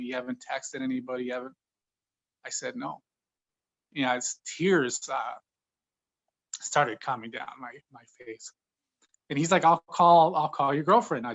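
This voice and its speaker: A man in his thirties telling his own story in an interview, halting, with many fillers and restarts. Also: mid-range voice, rough recording. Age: 30s. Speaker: COVID-19 survivor interviewee. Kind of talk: personal account in an interview.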